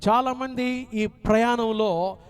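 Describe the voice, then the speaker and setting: A man's voice: very high-pitched, fairly even intonation, slow, smooth. A male pastor preaching a sermon, telling a story with acted dialogue and asking the congregation questions.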